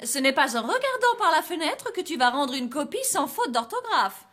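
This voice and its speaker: Prim, high-voiced strict schoolteacher. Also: female voice, sing-song, normal speed. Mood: stern. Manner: stern, scolding, precise.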